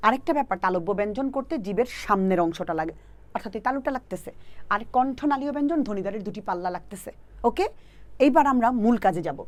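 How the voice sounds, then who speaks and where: A woman teacher from Bangladesh, giving an online exam-prep lesson. She talks patiently, sounds out letters slowly and keeps checking that students follow. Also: mid-range voice, expressive, no room sound.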